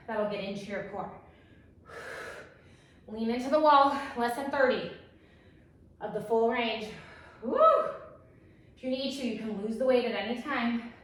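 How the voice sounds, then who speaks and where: A woman aerobics instructor leads a workout in a very echoey room, a bit away from the microphone, exercising as she talks. Her fairly high voice delivers short, upbeat, energetic commands as she cues moves and counts down.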